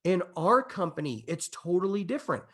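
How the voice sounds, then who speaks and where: A man giving an excitable, emphatic business opportunity presentation, building hype and checking in with his audience as he goes. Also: sits high, fairly quick, breathy edge. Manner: repeats "okay?" and "imagine this" to the audience. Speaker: company presenter.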